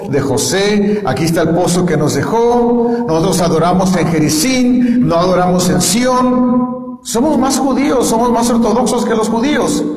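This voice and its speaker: A man with a high voice and a darkish tone preaches a sermon, putting questions to the congregation and having them repeat lines after him. The recording is made in an echoey hall with long reverb.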